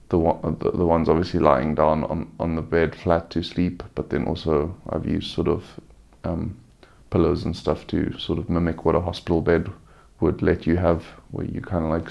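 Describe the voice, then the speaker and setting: A man gives an unscripted vlog-style update while weary from surgery. His voice is deep and very creaky, with an almost completely flat melody. He talks in a subdued, halting way, nursing a sore throat. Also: muffled recording. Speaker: vlogger giving a recovery update. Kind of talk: casual personal update, unscripted.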